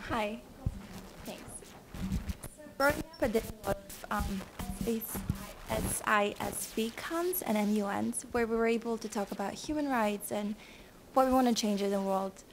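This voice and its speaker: Young woman from Greece, highish voice. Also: a little slow. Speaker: audience member. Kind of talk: question from the floor.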